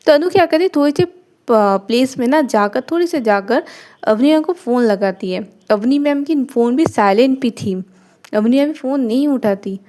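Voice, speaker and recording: A woman tells a story in a loose, chatty storyteller's way, with a high voice. She often restarts and repeats herself as she goes along. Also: expressive, normal speed, a little mellow. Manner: conversational, filler "ना", repeats and restarts. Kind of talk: casual spoken story narration.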